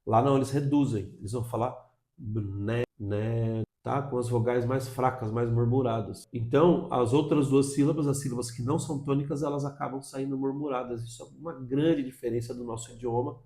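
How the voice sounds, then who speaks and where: A Brazilian man with a Brazilian Portuguese accent teaches in an explanatory, chatty way, often checking in with the listener. His voice is warm and mellow at a middle pitch. The room gives it a noticeable echo. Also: fairly even intonation, brisk, hardly any pauses. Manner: explanatory, frequent "tá?" check-ins. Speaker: English teacher. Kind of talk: video lesson.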